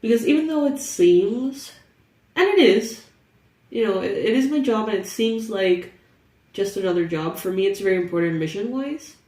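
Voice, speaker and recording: A woman's voice: mid-range voice, expressive, normal speed, a little mellow, roomy sound, distant mic. A young woman with a stuffy, congested nose, chatting casually through a tarot reading and laughing often. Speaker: tarot reader.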